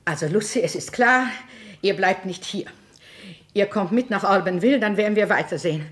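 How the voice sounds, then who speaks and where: A woman's voice: mid-range voice, animated, fairly quick, breathy edge. An actress playing an elderly mother in a radio play, fussy about order and time, who grows tired. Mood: impatient. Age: older. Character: weary elderly mother visiting her daughter.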